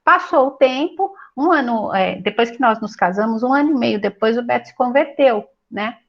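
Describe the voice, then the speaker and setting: A middle-aged woman, telling a personal story in a casual, animated way and acting out the dialogue. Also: on the high side, moderate pace, vocal fry, highs cut off. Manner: chatty, animated, acts out dialogue. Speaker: Bible class participant.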